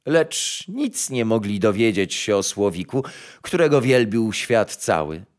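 Expressive man reading a fairy tale. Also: fairly low pitch, measured pace. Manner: expressive storytelling. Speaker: narrator.

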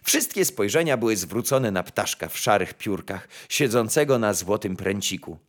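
A man narrating a fairy tale in an expressive storytelling manner. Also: on the low side, normal speed.

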